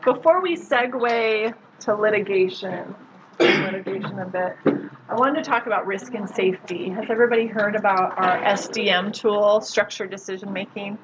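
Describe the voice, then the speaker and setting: A woman's voice: medium pitch, normal speed. A woman, a social worker, giving a casual classroom lecture and quizzing the audience. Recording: muffled lo-fi recording with loud background noise.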